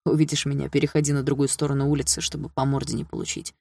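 A tough young man in an audiobook, voiced by a male reader, cold and threatening. He talks low and clipped, quiet but hard, in a dry close sound. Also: little pitch movement, racing, creaky, dry recording.

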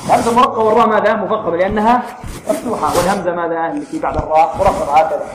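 A man teaching Quran recitation, quizzing his students and modelling slow, drawn-out pronunciations. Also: high-pitched. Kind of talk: tajweed lesson with students. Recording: echoey room, faint noise.

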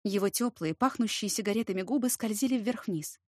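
A woman reading a novel aloud as a first-person narrator, steady and expressive. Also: medium pitch, fairly quick, no room sound, studio quality. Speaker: audiobook narrator.

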